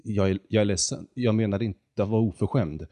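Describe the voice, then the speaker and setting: A man's voice: on the low side, steady tone, warm tone, natural voice. A man voicing an earnest young man in a storybook reading, talking hesitantly and stammering. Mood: nervous.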